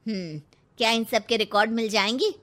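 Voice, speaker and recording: A woman voicing a sensible female lawyer friend in a cartoon, calm and questioning. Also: on the high side, brisk.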